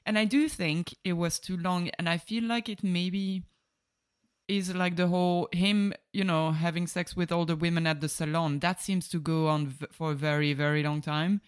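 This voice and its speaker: A woman's voice: fairly low pitch, fairly even intonation, normal speed, clear, resonant tone. A woman co-hosting a casual movie-review podcast, retelling scenes with blunt sarcasm. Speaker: podcast co-host.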